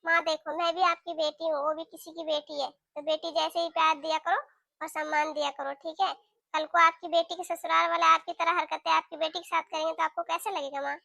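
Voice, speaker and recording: A woman's voice: extremely high pitch, little pitch movement, a little fast, gravelly, sharp tone, no echo, studio quality, heavily acted. A woman voicing a caring young married daughter in a cartoon, talking in an earnest, pleading way. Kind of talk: cartoon voice acting.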